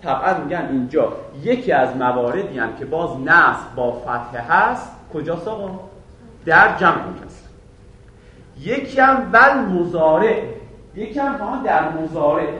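A man's voice: high-pitched, lively intonation, bright, forceful tone. A man teaching a grammar lesson to a class, firing questions at the students and answering them himself. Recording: very echoey room from far off.

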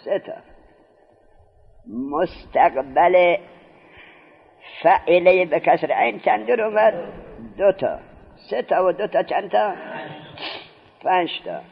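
A man with a high, expressive, gravelly and slightly rough voice gives a grammar lesson, posing questions to his listeners and then answering them himself. He draws out his words and stresses the key terms. The recording is dull and lo-fi.

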